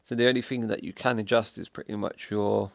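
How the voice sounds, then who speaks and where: A young man commentating a sim racing league, excitable and chatty with casual slang. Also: lowish voice, fairly quick, gravelly, no room sound, clean studio sound. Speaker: race commentator.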